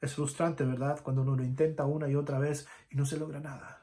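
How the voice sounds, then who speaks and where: A man preaching a sermon as a pastor, going from soft, low talk to loud, high peaks and acting out the lines of Bible figures. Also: little pitch movement, fast. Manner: acts out Bible figures' lines in quoted speech.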